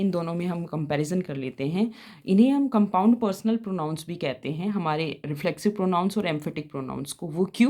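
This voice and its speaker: A woman teaching an English grammar lesson, explaining in Hindi. She reads the English examples slowly and deliberately, asks and answers her own questions, and fills pauses with "uh". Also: fairly low pitch, dark tone. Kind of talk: classroom-style grammar lesson.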